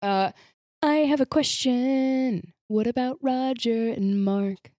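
Give me a playful woman with a higher voice. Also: mellow, no room sound, clean studio sound. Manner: playful, quick banter. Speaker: player. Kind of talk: casual tabletop play.

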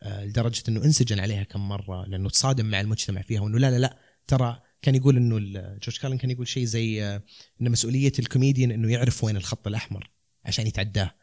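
A man's voice: lowish voice, steady tone, racing, darkish tone. A man with a Saudi accent explaining things casually and conversationally, rambling and dropping in English terms. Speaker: stand-up comedian, guest.

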